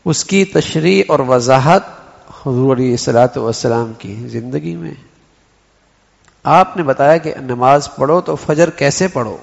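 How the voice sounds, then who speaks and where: A man's gravelly, medium-pitched voice carries an Islamic sermon in which he acts out a single sentence in different tones to make his point. He's a preacher, heard in a dull recording made in a hall with long reverb.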